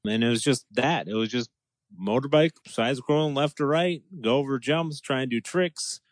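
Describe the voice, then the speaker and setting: A man's voice: medium pitch, moderate pace, no echo. A man co-hosting a casual podcast, talking in a laid-back, nostalgic way about old video games and laughing easily. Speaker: podcast co-host.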